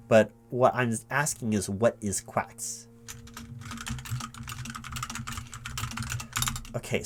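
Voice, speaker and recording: This medium-pitched man takes the role of a recruiting manager who is evasive and flustered in a one-sided ASMR job interview. Curious and confused, he rambles along, halting, repeating and correcting himself.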